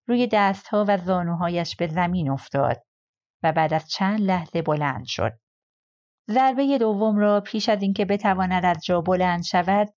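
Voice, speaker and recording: A woman reading a crime novel aloud as an audiobook, with measured, steady storytelling. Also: fairly low pitch. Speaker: audiobook narrator. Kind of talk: scripted narration.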